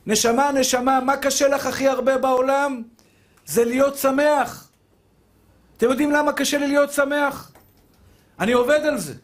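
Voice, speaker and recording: A man, a rabbi, giving a fervent sermon, calling listeners his dear brothers and acting out imagined dialogues with God. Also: very high voice. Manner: rhetorical questions. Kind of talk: spoken Torah lesson, sermon.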